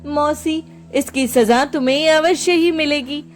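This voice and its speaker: A woman's voice: sits high, fairly even intonation, measured pace, soft background music. A woman voicing a stern village headman who questions sharply at a council.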